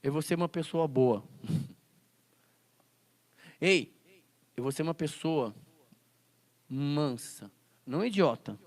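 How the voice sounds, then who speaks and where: A man with a slightly high voice teaches a Bible class. His pitch swings widely as he quotes scripture and acts out classroom scenes. He keeps turning questions back on his listeners. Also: animated, slow pace, pauses often. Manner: asks the class rhetorical questions.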